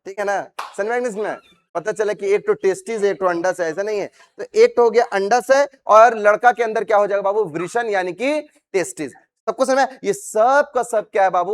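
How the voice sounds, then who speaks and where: A man teaching science to a live class, repeating questions and having students recite the terms after him. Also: sits high. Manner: calls students "babu", teasing and scolding them. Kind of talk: classroom lecture.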